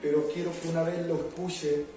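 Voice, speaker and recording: A man preaching as pastor, reading the Bible and praying with dramatic rises in loudness. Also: on the high side, level tone, a little fast. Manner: dramatic, rising and loud when reading the story. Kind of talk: sermon with Bible reading and prayer. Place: church hall. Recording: echoey hall, voice from far off, music behind.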